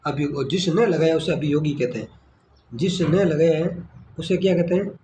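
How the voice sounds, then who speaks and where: A man's voice: on the high side, a little fast, mellow, muffled recording. A man teaching a Hindi exam prep lesson. He asks a question, answers it himself, and repeats the key word again and again. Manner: repetitive quiz-style questioning, frequent "ठीक है". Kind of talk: screen-recorded exam lesson. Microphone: screen-recorder phone mic. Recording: echoey room with faint background hiss.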